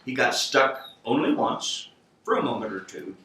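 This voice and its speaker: A middle-aged or older man reading a storybook aloud like a grandfather, with theatrical, rhythmic, deliberate delivery. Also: medium pitch, big pitch swings. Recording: roomy distant home recording, faint noise.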